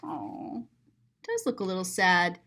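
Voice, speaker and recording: A woman with a lowish voice slowly reads a children's story aloud. She describes the pictures as she goes, expressive and explanatory.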